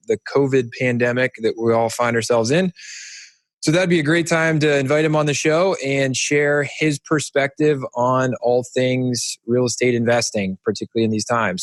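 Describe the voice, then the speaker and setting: A man's voice: medium pitch, no room sound. Guy hosting a podcast, friendly and chatty, lots of ums, dry close sound. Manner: friendly, chatty, with frequent fillers and restarts. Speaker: podcast host, company founder. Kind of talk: casual interview chat.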